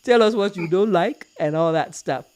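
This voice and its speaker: A woman's voice: lowish voice, normal speed, a little mellow. Playful, teasing woman hosting a show. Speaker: talk show host. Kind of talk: live talk show hosting.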